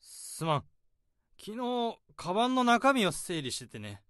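A man in full character voice plays a nervous office drudge hiding a secret, swapping flustered exchanges and tense inner monologue for a radio drama with narration. His voice sits high, a bit bright, with big pitch swings and a slightly slow pace, dry and studio-recorded.

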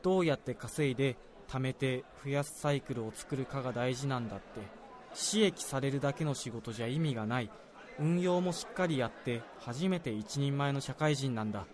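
A young adult man acts in a Japanese radio drama as an earnest, self-doubting salaryman, earnestly recounting events in a deferential, confiding way. His mid-range voice runs a little fast and is lightly acted.

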